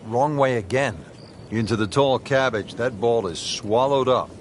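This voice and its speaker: A man doing golf play-by-play in a measured, understated broadcast commentator manner. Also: mid-range voice, noisy background, natural voice.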